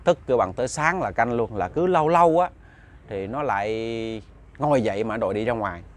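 A man's voice: mid-range voice, animated, brisk. A man with a Southern Vietnamese accent telling a ghost story in a chatty, casual way, speaking directly to his listeners.

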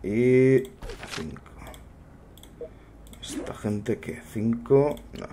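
A man's voice: medium pitch, extremely slow, noisy background. A young man muttering wry commentary to himself while playing a game. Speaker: gameplay streamer. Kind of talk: casual gameplay commentary.

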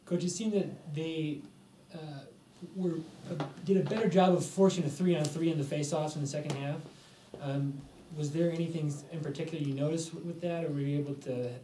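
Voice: medium pitch, fairly even intonation, brisk, dark tone, echoey room, distant mic, slight background noise, low-quality recording. A reporter asking a coach questions at a press conference, hesitant with fillers.

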